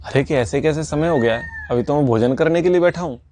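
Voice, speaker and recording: A man's voice: a little high, a little mellow, slight background noise, close to an everyday voice. A man playing a frantic rich old merchant pleading for time. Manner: pleading, bargaining in rushed bursts.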